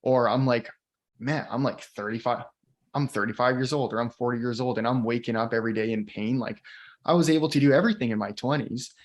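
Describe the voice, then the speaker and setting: A man in his thirties co-hosting a casual chat, talking in a lively way and laughing easily. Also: medium pitch, a little fast. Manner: animated, chatty, laughs easily. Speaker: co-host. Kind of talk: casual conversation.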